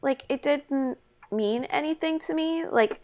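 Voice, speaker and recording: Slow, gravelly-voiced woman co-host. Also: high-pitched, darkish tone. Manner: halting, restarts her sentences often. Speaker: podcast co-host. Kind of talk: casual chat.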